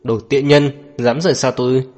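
A man's voice: mid-range voice, steady tone, moderate pace, a little mellow, soft background music, natural voice. A man voicing a possessive, volatile young husband in an audio novel, with a harsh, domineering way of talking. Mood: menacing. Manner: pleading turning harsh and domineering.

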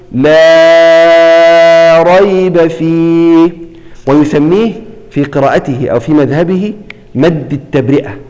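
A man teaching a classroom lesson on Quran recitation. He keeps asking his students questions, repeats the key terms, and draws out words slowly when he demonstrates them. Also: medium pitch, dark tone, big-room sound, poor audio.

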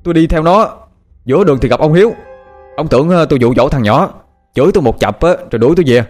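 A jittery young drifter, acted by a male narrator, speaking. He stammers out excuses in a raised, strained voice. The pitch swings widely from word to word. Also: expressive, fast, a little mellow, soft background music. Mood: defensive. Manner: nervous, defensive, stammering. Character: scared, fast-talking young village drifter.

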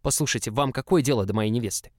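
A man reading the outbursts of a flustered, indignant 19-year-old young man, his voice pushed higher. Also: fast, darkish tone, no echo, studio quality, lightly acted. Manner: protesting, agitated. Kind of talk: audiobook character voice.

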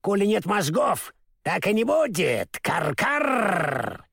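Man voicing a hoarse, cheeky storybook crow, scornful, dry close sound. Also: sits high, very animated, takes it slowly, fairly bright tone, no echo, heavily acted. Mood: mocking. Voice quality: hoarse croak. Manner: mocking, brash. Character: cheeky scruffy crow, female, mocking. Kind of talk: storybook reading.

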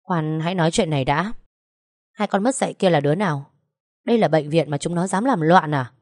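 A domineering older-sister figure, sly and brash, who scolds and gives orders without pause, played by a woman reading the story. Her voice is lower-pitched and sits close and dry in the recording. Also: darkish tone, no room sound. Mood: brisk. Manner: brash, bossy.

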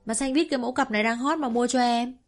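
A woman voicing a chirpy, flattering teenage girl in a family story, with a raised, bubbly voice. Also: a little high, racing, faint music behind, pitched above the performer's own voice, lightly acted. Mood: teasing.

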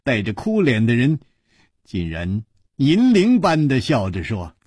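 A man narrating a martial-arts story with vivid, dramatic flair. His husky voice swings widely in pitch, and the sound is dry and close. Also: wildly swooping pitch, measured pace, a little mellow, dry recording. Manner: vivid, wide-ranging dramatic delivery.

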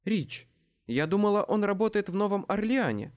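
A man reading an audiobook, voicing a tough, blunt woman who snaps at her family with sharp indignation. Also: high voice, sing-song, normal speed, pitched above the performer's own voice. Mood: indignant.

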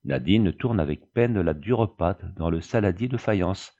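A man reading a storybook aloud as scripted narration, in a measured storytelling manner. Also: sits low, lively intonation, mellow. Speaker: audiobook reader. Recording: dull lo-fi audiobook recording.

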